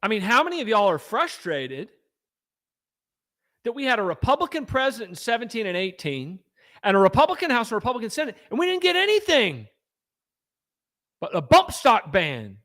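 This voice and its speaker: A man's voice: high voice, very animated, normal speed, long pauses, fairly bright tone. A man hosting a fiery advocacy livestream, combative and rallying. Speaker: gun rights advocacy host.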